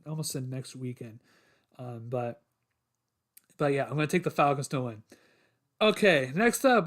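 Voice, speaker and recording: A young man hosting a casual solo sports podcast, rambling with lots of fillers, his voice getting hoarse after talking a long time. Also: a little high. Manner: rambling, filler-heavy, restarts often.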